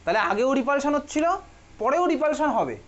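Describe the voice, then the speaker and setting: Bengali guy teaching chem class, talks real fast, teases students, muffled lo-fi audio. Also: extremely high pitch, expressive. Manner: quick, chatty, teasing students and asking questions. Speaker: chemistry teacher. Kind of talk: classroom lecture. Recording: dull lo-fi classroom recording.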